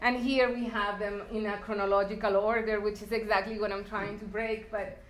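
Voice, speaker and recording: A woman's voice: medium pitch, level tone, brisk. Woman lecturing on her art, echoey hall. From El Salvador. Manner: reflective, with fillers and restarts. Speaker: artist giving a talk.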